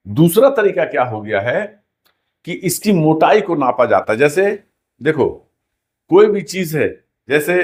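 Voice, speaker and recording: A man teaching a rigging class, explaining terms and repeating key words back to his students as questions. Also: a little high. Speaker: rigging instructor.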